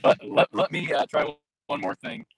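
A man joining a casual sports talk show remotely, apologetic while he fiddles with his connection, heard over a crackly, staticky call line. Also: moderate pace. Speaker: regular co-host joining remotely.

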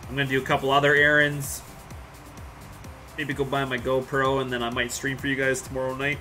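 A man's voice: mid-range voice, little pitch movement, brisk, pushed and bright, soft background music. A man, live streaming a farming game and chatting casually with viewers in a rambling, joking way. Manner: laid-back, rambling, joking with chat.

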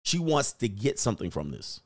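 A man's voice: on the low side, sing-song, fairly quick, husky, no echo, clean studio sound. A man hosting a casual reaction show, telling jokes in slang, acting out quotes and laughing often. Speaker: commentary channel host.

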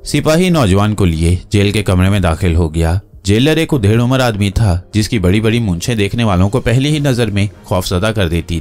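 A man narrates a crime novel with a steady storyteller's delivery, his voice sitting low. Soft music plays faintly behind him. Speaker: audiobook narrator.

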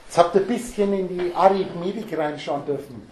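A man's voice: high voice, brisk, a little mellow. Rambling man lecturing in an echoey room. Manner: rambling, emphatic, digressive. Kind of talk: spontaneous lecture.

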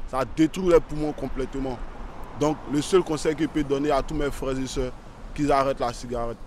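A man's voice: mid-range voice, steady tone, a little fast, darkish tone, slight background noise. A man with an Ivorian French accent, answering a street interview while speaking inside a helmet, earnest and blunt. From Côte d'Ivoire. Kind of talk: vox pop street interview. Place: outdoors on a city street.

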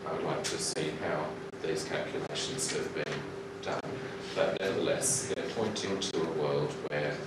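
A middle-aged man giving a conference keynote from a podium in a large lecture hall, talking in a measured, reflective way with occasional ums and restarts. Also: very deep voice, fairly even intonation. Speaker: keynote speaker. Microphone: podium mic, recorded by far camera. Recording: echoey hall from far off, loud noise.

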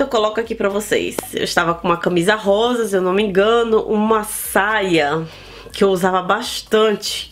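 A woman from Brazil with a northern Brazilian accent, telling a personal story to her viewers in a chatty, animated vlog. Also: medium pitch. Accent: Brazilian Portuguese, northern. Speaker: vlogger. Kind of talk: casual storytelling to camera.

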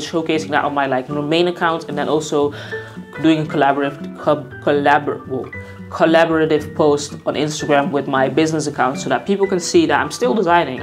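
A young woman vlogger talks straight to her viewers in a loose, candid way, circling back and fixing her words as she goes. Her voice sits unusually low for a woman, and soft music plays faintly behind her. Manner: candid, rambling, self-correcting. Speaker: vlogger and designer. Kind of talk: casual to-camera vlog talk.

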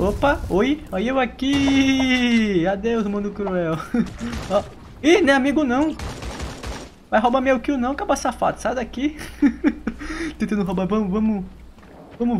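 A man's voice: high-pitched, slight background noise. A man giving chatty, teasing live commentary over his own gameplay, laughing often. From Brazil. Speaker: gaming YouTuber.

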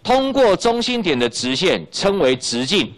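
Male physics teacher, Taiwanese Mandarin accent, middle-aged, animated up-and-down delivery, chatty, repeats himself. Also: sits high, measured pace. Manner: chatty, repeats key points, tags lines with "ha" and "you know". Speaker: high school physics teacher. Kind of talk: recorded classroom lecture.

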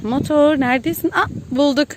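A woman's voice: sits high, normal speed, a little mellow, a little hiss or hum. A Turkish-accented woman, a mother filming her small child at an outdoor playground, coaxing him along, counting and cheering in a playful way. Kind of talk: casual chat with a toddler.

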